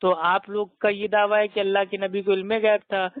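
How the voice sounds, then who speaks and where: An Indian man with a high voice argues over a tinny, dry phone line. He talks in a combative, mocking, preachy way, piling up insults and demands for proof. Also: completely flat delivery, moderate pace, no echo. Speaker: debater. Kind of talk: heated phone argument.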